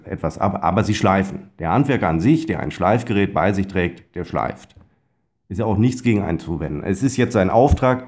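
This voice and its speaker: A man's voice: fairly low pitch, a little mellow. A man in his thirties with a Westphalian accent, reading his own blog text aloud in a wry, self-ironic way and stressing words heavily. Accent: Westphalian German. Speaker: blogger and voice-over speaker.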